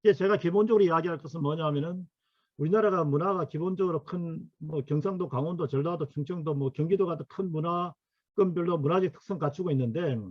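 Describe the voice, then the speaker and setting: A middle-aged man lectures on regional history, his voice sitting a bit high for a man. He pauses often with fillers as he works through his slides. The sound is dry and somewhat muffled. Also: no room sound. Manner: halting, full of fillers, asks for next slide. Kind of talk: academic lecture to workshop attendees.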